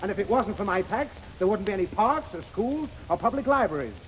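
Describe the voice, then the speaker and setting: A man whose voice sits high, expressive and a little fast, portrays a flustered dad wrestling with his taxes for a 1930s radio comedy. His exasperation is theatrical and sputtering. Expect a dull, hissy old broadcast with a studio audience reacting.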